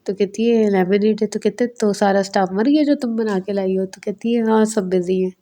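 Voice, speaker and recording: Chatty woman recapping a drama, mellow voice. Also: mid-range voice. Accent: Pakistani Urdu. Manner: retells scenes, briefly voicing characters' lines. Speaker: drama reviewer. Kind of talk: casual episode recap.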